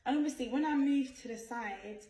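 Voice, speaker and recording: Creaky young woman, defensive and emphatic. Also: sits high, fairly quick, dark tone. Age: young adult. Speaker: person telling her side of a viral story. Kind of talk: casual apology vlog, storytime to camera. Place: small bright indoor room. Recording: roomy echo, distant mic, faint noise.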